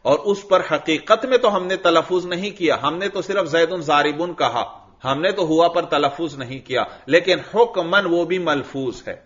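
A man's voice: on the high side, fairly bright tone, muffled recording. A male religious teacher giving a lecture on an Arabic grammar text. He chants the Arabic lines, explains each one, calls the listeners brother and checks that they follow.

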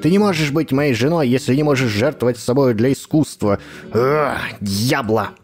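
A man voicing a hot-tempered male painter who shouts and rants in exasperation. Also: medium pitch, normal speed, soft background music, lightly acted. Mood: indignant ranting.

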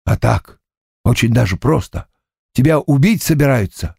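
A man's voice: mid-range voice, expressive, moderate pace, gravelly, darkish tone, husky, dry recording, clean studio sound. A man voicing a sly village man who mockingly menaces an old man, in an audiobook. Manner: mocking, ominous.

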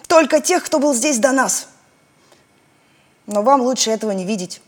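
A woman voicing a bold, resolute adventurer man with a brisk manner. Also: fairly high pitch, expressive, a little mellow, pitched above the performer's own voice.

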